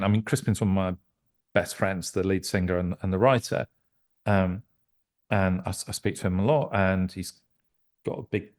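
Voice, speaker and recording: This halting middle-aged Englishman has a low voice and rambles in a stop-start way, restarting often and leaning on fillers. He's a musician and producer appearing as a guest in a casual interview chat.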